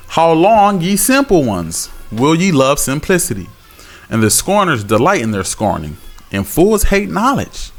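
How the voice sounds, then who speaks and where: A man teaching the Bible, reading scripture slowly and then breaking into blunt, scolding, slangy exhortation. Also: a little high, a bit bright. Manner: slow measured reading, then fired-up exhortation. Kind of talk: scripture reading with preaching commentary.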